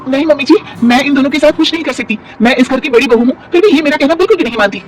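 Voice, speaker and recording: A man's voice: extremely high pitch, racing, recorded from a distance, soft background music, voice pushed up. A man voicing a proud, stubborn eldest daughter-in-law in a cartoon story, protesting insistently.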